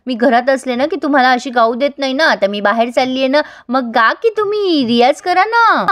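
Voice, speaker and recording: A woman's voice: expressive, moderate pace, fairly bright tone, no room sound, studio quality. A woman doing a coaxing older wife. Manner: wheedling, pleading, high and insistent.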